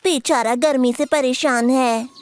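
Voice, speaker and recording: A man's voice: very high-pitched, steady tone, unhurried, noisy background. A man voicing a young male inventor in a cartoon dub, bossy and pleased with himself. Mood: busy. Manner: bossy, self-pleased tinkering chatter. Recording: music playing underneath.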